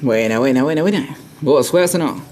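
A man's voice: mid-range voice, animated, brisk. A man streaming a football game live, calling plays like a sports caster and repeating phrases in chant-like bursts. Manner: playful hype shouts.

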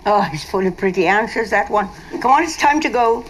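An older woman with a Northern Irish accent playing a pious, sharp-tongued grandmother in a film drama, dry and teasing. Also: mid-range voice, animated, fairly quick, a little hiss or hum, close to an everyday voice, low-quality recording.

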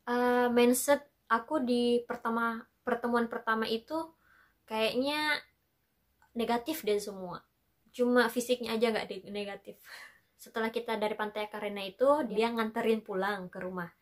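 A woman's voice: a little high, steady tone, moderate pace. Chatty young woman with a lilt. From Makassar, Indonesia. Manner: chatty and playful, laughs often. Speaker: vlogger. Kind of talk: casual storytime vlog.

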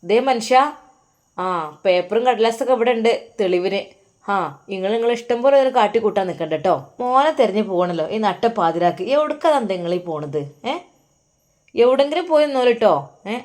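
A woman voices a scheming, sharp-tongued wife who scolds and taunts in Malappuram Malayalam. She comes across higher and louder than the narration, with biting, mocking lines. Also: expressive, a little fast, close to an everyday voice. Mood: threatening.

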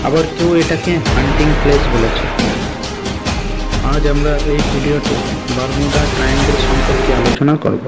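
A man hosting a video channel, narrating a scripted explainer in a steady, informative way. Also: medium pitch, low-quality recording. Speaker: channel host explaining a mystery.

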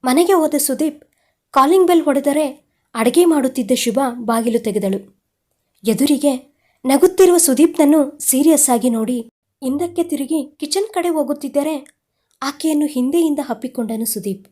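A woman reads a romantic audio story as scripted narration. Her voice sits a little high, with a mellow, warm tone. Her reading is steady and expressive. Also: normal speed.

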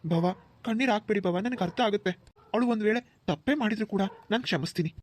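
A man's voice: high voice, fast talker, pitched above the performer's own voice. Man voicing an earnest young groom. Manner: earnest, reassuring, respectful.

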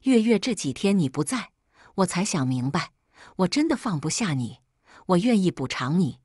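A woman voicing a remorseful young man who pleads in a hoarse voice, in an audiobook-style story reading. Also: fairly low pitch, big pitch swings, moderate pace, a little mellow, no room sound, clean studio sound. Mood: pleading. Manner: pleading, broken.

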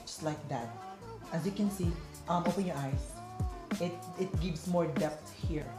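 A man's voice: fairly high pitch, moderate pace. A tipsy young Filipino man with a Filipino accent giving a casual makeup tutorial that mixes English and Tagalog. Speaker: makeup artist and vlog host. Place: small indoor room, seated at a table. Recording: echoey room with music behind.

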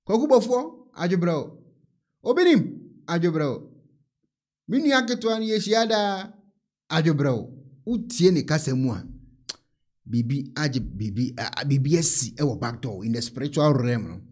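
A man's voice: on the high side, normal speed, pauses often. A man in his thirties with a Ghanaian accent, reacting to a video in casual commentary and laughing often. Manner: laughing, animated, mixes in English. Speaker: reaction host. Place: small indoor studio. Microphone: mic on a stand.

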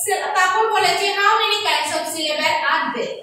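A primary school English teacher with a Bangladeshi Bengali accent runs an online English class for young pupils in Bengali, repeating each definition slowly so they can write it down. Her voice is very high and sharp. The recording comes from an echoey room with the mic at a distance and faint background noise.

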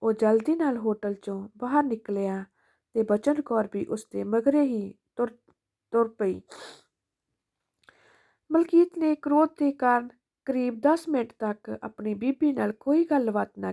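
A woman narrating an emotional family story in a calm, steady way. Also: on the high side, vocal fry.

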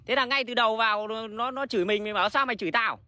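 A man's voice: high-pitched, fast, sharp tone. A man hosting a casual livestream, talking bluntly and rambling with restarts and frequent swearing. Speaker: livestream host selling plants.

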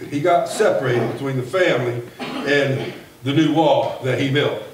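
A man in his forties preaching a sermon from a pulpit in a folksy, animated way that builds to a shout. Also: mid-range voice, moderate pace. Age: 40s. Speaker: pastor. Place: church sanctuary, at a pulpit. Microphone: far camera at the back of the room. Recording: echoey church from far off, faint hiss.

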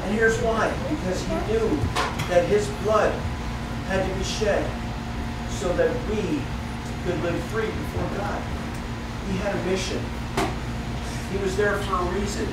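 Slow-talking man teaching kids in echoey room. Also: high voice, fairly even intonation. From northeastern United States. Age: middle-aged. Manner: storytelling, asks the children questions, gestures and moves around. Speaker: children's Sunday school teacher. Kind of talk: Bible lesson for kids. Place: church classroom, indoors. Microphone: far camera. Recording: echoey room from far off with noisy background.

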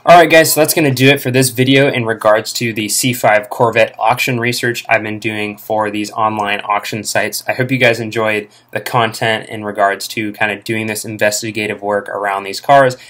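A man's voice: lowish voice, fairly even intonation, normal speed, few pauses, fairly bright tone. A young man casually talking through car auction listings at home, rambling with lots of fillers, recorded on a laptop's built-in mic. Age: young adult. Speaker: car vlogger. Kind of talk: casual screen-recorded commentary. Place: home room, indoors. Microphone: laptop internal mic.

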